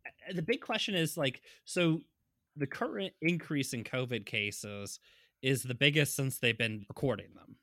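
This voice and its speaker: Podcast co-host, male, mid pitch, bright tone, rambling and chuckling, dry mic. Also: expressive, unhurried, dry recording. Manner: rambling, chuckling, many fillers. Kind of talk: casual political chat.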